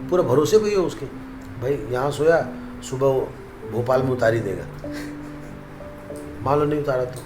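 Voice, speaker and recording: Monk preacher in a roomy hall. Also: male voice, medium pitch, animated, normal speed, pauses often, over music. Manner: conversational, repeats phrases, chuckles at his own jokes. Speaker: monk preacher giving a youth talk. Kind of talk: Hindi devotional talk mixed with English words.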